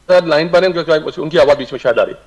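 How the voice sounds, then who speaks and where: Remote guest over a distant phone line: man, high voice, blunt debater. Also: fast talker, slightly rough. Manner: blunt, speaks up forcefully. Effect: heard over a phone or video-call line, distant and breaking up. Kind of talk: televised political debate.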